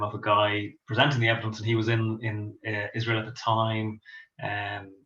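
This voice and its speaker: A man's voice: on the low side, a bit bright. A middle-aged Irish man from Dublin, a pastor and author, answering interview questions with many ums and restarts. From Ireland. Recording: echoey, dull lo-fi sound.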